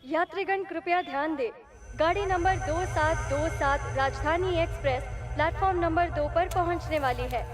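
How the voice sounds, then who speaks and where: A female railway announcer whose very high voice carries over a station loudspeaker. She reads each notice formally, in a calm and measured cadence. Loud music sits underneath the broadcast. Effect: heard over a station loudspeaker.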